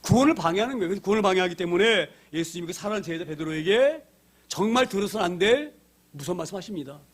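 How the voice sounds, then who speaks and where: A male pastor delivering a sermon with a high-pitched voice. He preaches in an animated way, dropping to quiet asides and then rising to sudden loud outbursts as he dramatizes the scenes he retells. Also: racing.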